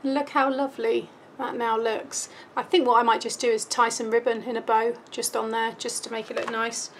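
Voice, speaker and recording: Sitting indoors at a craft table, a British woman walks through a craft tutorial step by step, chatting casually and thinking aloud, though her voice is starting to give out. Her pitch is on the high side with little movement, her pace moderate, and there's slight background noise.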